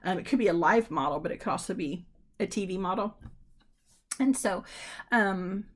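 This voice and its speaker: A woman's voice: mid-range voice, moderate pace. A woman giving a university lecture in a conversational way, with frequent ums and restarts, talking straight to her students. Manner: addresses students directly. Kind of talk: recorded lecture.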